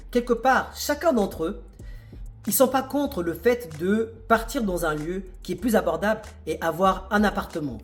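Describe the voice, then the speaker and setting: A man giving an emphatic motivational monologue to camera, asking the viewer rhetorical questions. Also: sits high. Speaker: real estate investor and video host.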